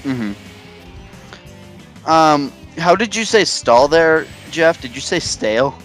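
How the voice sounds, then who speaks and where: A Canadian man co-commentates casually on a gameplay video, speaking haltingly in stops and starts. His voice is on the high side, expressive and fairly bright, with soft background music behind him.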